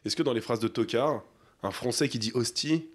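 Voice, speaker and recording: A man's voice: mid-range voice, brisk, breathy edge. A man co-hosting a podcast in casual banter, argumentative and swearing freely. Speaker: podcast co-host.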